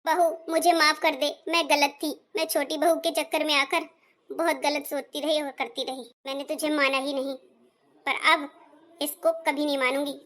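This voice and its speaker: A woman's voice: high voice, little pitch movement, moderate pace, fairly bright tone. Woman doing a fussy mother-in-law. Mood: remorseful.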